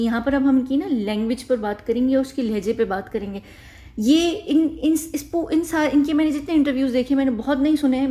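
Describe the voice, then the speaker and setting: A woman talking to her viewers in casual spoken commentary, explaining her points chattily, often restarting her sentences and checking in with a quick "okay". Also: a little high, warm tone. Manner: frequent self-corrections and restarts. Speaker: video commentator.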